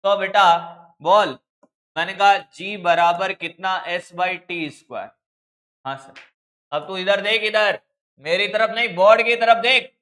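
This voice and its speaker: A male teacher with a notably high voice runs an online practice session. He talks slowly and deliberately, swinging between teasing scolds and coaxing encouragement as he works through problems. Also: fairly bright tone. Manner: brisk, scolding and coaxing, calls students "beta". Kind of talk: live online exam-practice class.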